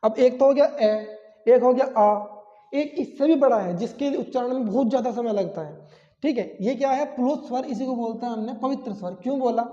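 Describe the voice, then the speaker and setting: Speaking at an extremely high pitch, he sounds brisk yet mellow while running a grammar lesson for exam prep. Key terms get repeated and rhetorical questions come up often, with the audio sounding like a dull, echoey, lo-fi classroom.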